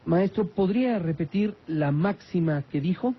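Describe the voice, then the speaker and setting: High-voiced Mexican radio host. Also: male voice, lively intonation, moderate pace, husky. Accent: Mexican Spanish. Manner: brief affirmations, reads questions formally. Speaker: radio host reading listener questions. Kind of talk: radio call-in chat. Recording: dull lo-fi radio broadcast.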